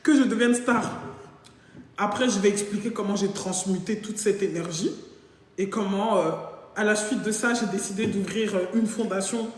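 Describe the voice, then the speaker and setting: A woman tells a funny personal story to her live viewers, switching between her own voice and the other person's. Her delivery is playful and animated. The sound bounces around a bare, very echoey room, and the reverb hangs on after each phrase. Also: mid-range voice, moderate pace. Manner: animated, jokey, acts out both sides of dialogue. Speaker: live-stream host. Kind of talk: casual storytelling monologue.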